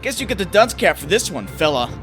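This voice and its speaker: A man performs a cocky young comic book superhero. His voice sits high for a male, and he delivers everything with quippy bravado. Music plays clearly behind him. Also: sing-song, quick pace, a bit bright. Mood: taunting. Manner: quippy, taunting. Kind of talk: comic book dub acting.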